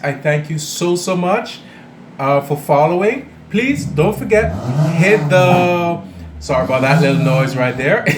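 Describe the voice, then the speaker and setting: A man runs a casual cooking vlog from his home kitchen, speaking to his viewers at an unhurried, drawn-out pace. He talks to them directly and keeps checking in with them. The room rings with echo, and a faint hum of background noise sits underneath. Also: fairly high pitch. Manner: chatty, addresses viewers directly, often tags "all right?". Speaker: cooking channel host. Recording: echoey room.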